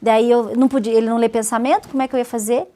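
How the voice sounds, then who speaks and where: A woman in her forties, a pastor, recounts her story as an interview guest. She has a fairly high voice and tells it vividly, slipping into a hushed tone whenever she repeats someone else's words. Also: fairly even intonation, racing. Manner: vivid storyteller, acts out others' words softly. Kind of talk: personal testimony in a talk show interview.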